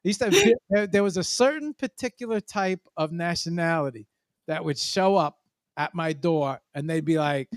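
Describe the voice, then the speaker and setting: A man's voice: a little high, dry recording, studio quality. A man speaking as a guest in a casual chat, stumbling over his words and repeating himself as he tells stories. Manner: halting, repeats words while telling stories.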